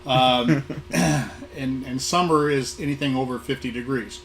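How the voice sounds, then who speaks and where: Still hoarse from being sick, an American man from Southern California who manages museum programming looks back on his career in a casual talk. His mid-range voice holds steady but falters with repeated words and lengthy pauses, captured live amid background noise and room sound.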